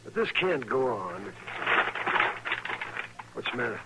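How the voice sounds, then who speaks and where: Doc, dry, weary frontier doctor. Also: male voice, medium pitch, sing-song, slow pace, gravelly, heavily acted. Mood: dry, concerned. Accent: American. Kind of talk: old-time radio western acting. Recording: faintly noisy old radio recording.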